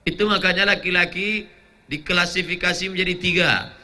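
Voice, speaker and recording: A man preaching a humorous sermon, joking with the crowd and breaking into chanted prayers and shouts. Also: high-pitched, normal speed. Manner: animated, jokey, breaks into chanted Arabic and shouts.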